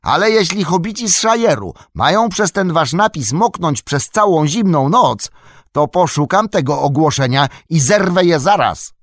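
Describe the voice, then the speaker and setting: A man's voice: a little high, lively intonation, normal speed, no room sound, studio quality, voice pushed up. A man voicing a bold, impatient young male hobbit in an audiobook, calling out in a commanding way. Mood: defiant. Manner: commanding, loud calls.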